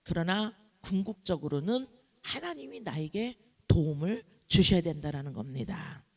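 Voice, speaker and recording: A man preaching a sermon in church, his voice sitting high and swinging widely up and down. He keeps asking the listeners questions and slips into little acted-out quotes. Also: big pitch swings, normal speed, vocal fry, a little mellow. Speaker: pastor.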